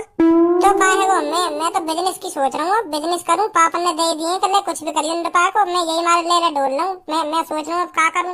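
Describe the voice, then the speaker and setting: A high-pitched cartoon villager, simple-minded and easily confused, as a woman voices him. He stammers and repeats his words as he puzzles things out. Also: a bit bright. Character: rustic young village man, simple and confused. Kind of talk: cartoon voice acting.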